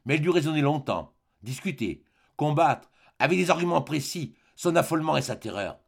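Gravelly, expressive male audiobook narrator. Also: on the high side, a little fast. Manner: expressive, dramatic reading. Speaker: audiobook reader.

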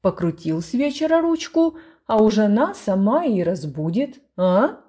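A woman voicing a fussy retired captain and father who talks loudly and rambles. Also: mid-range voice, sing-song, a little slow, husky. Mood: blustering. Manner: loud, blustering, rambling.

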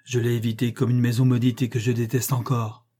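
A man reading the lines of a brooding, bitter middle-aged gentleman in a slow, declamatory way. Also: medium pitch, little pitch movement, husky, natural voice.

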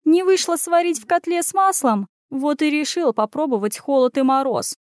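A bossy talking she-cat with quick, scolding retorts, pitched up high, as a woman narrator puts her on. The sound is close and dry, with no room around it. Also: dry recording, lightly acted. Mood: fretful. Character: sharp-tongued female talking cat, bossy. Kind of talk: audiobook character voice.

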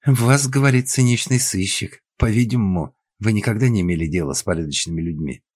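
A man doing a dignified older woman, indignant, firm, husky raised voice, dry sound. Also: lowish voice, fairly quick, a little mellow, dry recording, pitched above the performer's own voice, natural voice.

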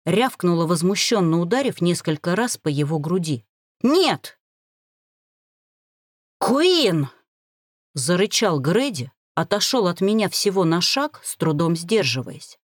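A woman narrating a first-person novel in an expressive, dramatic reading. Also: lowish voice, normal speed, hardly any pauses, dry recording, clean studio sound. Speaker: audiobook narrator.

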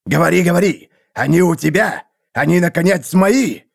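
A squealing, domineering rat-man seer, impatient and quick to rage. His voice jumps high above the narrator's own, loud and shrill. He snaps out orders and scorn in a fantasy audiobook. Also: animated, creaky.

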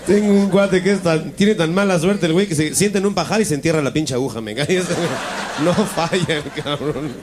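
A man's voice: fairly high pitch, moderate pace, crowd noise. Man, crude jokes over drinks, laughing a lot, slangy, crowded noisy room. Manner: laughing often, toasting, slangy. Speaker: comedian telling jokes.

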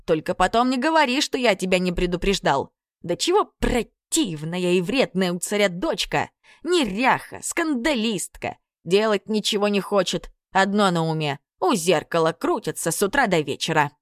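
A woman's voice: medium pitch, very animated, moderate pace, no room sound, clean studio sound, lightly acted. A woman voicing a chatty, self-pitying two-headed male serpent who talks in a wheedling, overfamiliar way. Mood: boastful.

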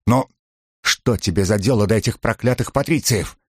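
An urgent young fighter pleading to get away, voiced by a man close to his own low reading voice. The audiobook sound is dry and close. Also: normal speed, slightly rough, no room sound.

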